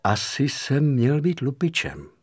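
A man reading the part of a cheeky, meek young suitor in a storybook, in a wry, playful, breathy voice. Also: mid-range voice, big pitch swings.

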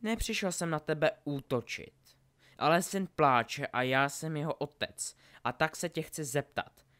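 A man's voice: on the high side, fairly bright tone, voice pushed up, lightly acted. A man voicing a sneering, hot-tempered adult male wizard in a storybook reading, taunting and biting. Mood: tense, accusing.

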